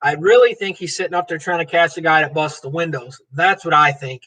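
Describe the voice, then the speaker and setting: This livestream host reads out viewer comments and replies to people by name, keeping things casual and jokey. His voice runs on the high side with a sharp edge, he speaks a little fast, and the recording quality is low.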